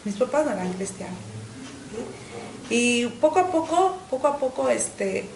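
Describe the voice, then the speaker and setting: Earnest woman, slightly high voice. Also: sing-song, moderate pace, creaky, darkish tone, reverberant, slight background noise, rough recording. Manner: earnest, with frequent "este" fillers and repetitions. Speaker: interview guest. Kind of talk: personal faith testimony.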